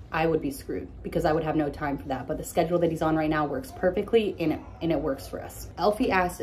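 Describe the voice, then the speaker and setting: A woman's voice: low voice, darkish tone, slight background noise. A young woman with a lisp, casually answering follower questions in a candid, blunt vlog.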